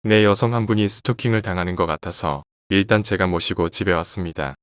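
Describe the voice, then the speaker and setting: Guy reading a creepy calm killer dude in a horror tale, low voice, super chill and cold. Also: brisk, no echo, clean studio sound, natural voice. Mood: calm polite. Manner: quiet, composed, chillingly casual. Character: calm polite man turned cold killer. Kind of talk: horror story narration.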